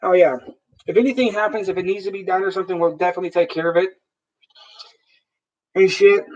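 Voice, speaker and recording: A man hosting a live stream in casual chat, rambling and swearing freely, often restarting his sentences. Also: high voice. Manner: rambling, profane, with frequent restarts. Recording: dull lo-fi sound.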